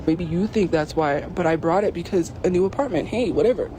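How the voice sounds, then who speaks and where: A man's voice: high voice, a little fast, background noise. A man telling an emotional personal story in a rambling, filler-heavy way, recorded outside.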